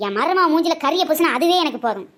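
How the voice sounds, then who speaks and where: A woman doing shrill village women locked in an in-law feud, a very high, piercing voice trading quick, teasing jabs. It is a scripted comedy skit, full of mock outrage and banter. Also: animated, fairly bright tone. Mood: quarrelsome. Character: squabbling village women, feuding mother-in-law and daughter-in-law.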